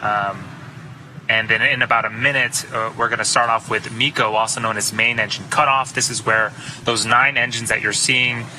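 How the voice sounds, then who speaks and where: A man's voice: medium pitch, fairly even intonation, normal speed, low-quality recording. A man giving live technical commentary on a launch, explaining terms as he goes. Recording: loud roaring background noise.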